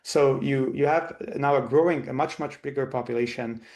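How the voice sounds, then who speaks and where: A man's voice: mid-range voice, fairly even intonation, moderate pace, darkish tone. A man in his thirties, born and raised in Lebanon, answering interview questions as a physician guest in a thoughtful way with many restarts. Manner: thoughtful, frequent restarts and repeated words.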